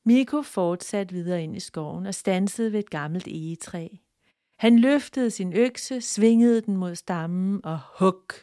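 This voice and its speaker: Calm woman narrating a storybook. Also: medium pitch, no room sound, clean studio sound. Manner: calm, clear, gently expressive.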